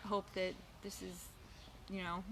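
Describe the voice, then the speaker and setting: A woman's voice: fairly low pitch, level tone, unhurried, a little hiss or hum. A woman co-hosting a vlog, telling stories in an upbeat, giggly way. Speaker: vlog co-host. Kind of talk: casual recap chat. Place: outdoor campground.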